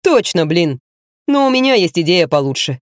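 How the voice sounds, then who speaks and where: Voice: mid-range voice, very animated, normal speed, no echo, natural voice. A blunt young man with piercings and tattoos, as the audiobook narrator puts him on, tossing off his lines in a sardonic, offhand way. The recording is dry and close.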